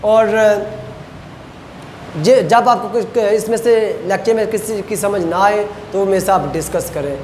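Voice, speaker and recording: A male lecturer teaches Chinese words, slowly repeating each pronunciation several times. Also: high-pitched, darkish tone. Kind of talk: recorded university lecture. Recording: roomy echo, faint background noise.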